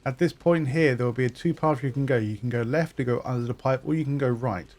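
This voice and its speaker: A gaming guide narrator leads viewers through a game walkthrough, explaining step by step where to find items. He speaks quickly in a mid-range voice, keeping his instruction steady.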